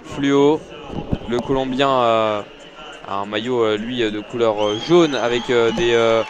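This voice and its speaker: A man giving live audio-described athletics commentary from a stadium, hesitant with many fillers, rising when excited. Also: mid-range voice, measured pace, crowd noise, noisy background. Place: outdoor stadium.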